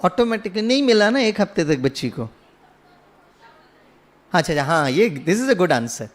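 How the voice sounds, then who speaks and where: A man's voice: sits high, very animated, a little slow. A man giving a spiritual talk, telling a story and asking the audience questions, slipping English phrases into his speech. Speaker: spiritual speaker.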